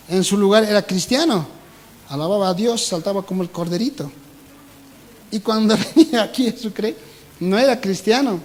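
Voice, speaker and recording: A man's voice: sits high, poor audio. A young adult man, a pastor with a Bolivian Spanish accent, preaching a sermon and acting out the voices in his stories.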